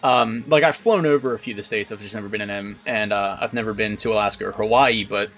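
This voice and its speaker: A man's voice: fairly low pitch, quick pace, fairly bright tone, muffled recording. A man hosting a casual video interview, chatting informally and wordily with some swearing. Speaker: host of a video channel.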